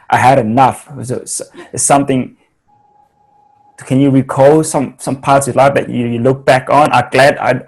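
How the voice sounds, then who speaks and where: A man's voice: medium pitch, darkish tone, breathy edge. A man hosting a podcast, asking questions in a rambling way and repeating words. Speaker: podcast host. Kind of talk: conversational interview.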